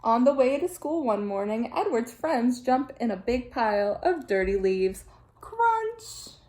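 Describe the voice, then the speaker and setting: A teacher with a high voice reads a storybook aloud to children, animated and expressive, phrasing things deliberately and adding dramatic sound-effect words. The room sound is echoey.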